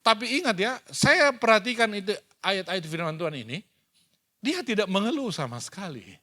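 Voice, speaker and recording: Bright-voiced pastor preaching. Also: male voice, high voice, moderate pace. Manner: animated storytelling, acts out dialogue. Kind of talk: sermon. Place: church hall.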